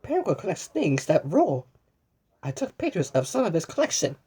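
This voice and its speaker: Fairly low, dark and slightly rough, her voice has a sing-song lilt as she reads a kids' book aloud. She's exclamatory, asks the listener questions with pauses as if answered, and often stumbles and repeats words, speaking asides to the viewer.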